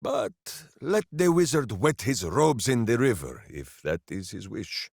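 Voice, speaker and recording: Heavily acted and sing-song, a man's creaky, slightly mellow mid-range voice moves at a measured pace as he portrays a big-hearted, dim-witted video game warrior. The hero speaks of himself in third person, boisterous and theatrical but earnest and simple. It's a dry studio-quality recording.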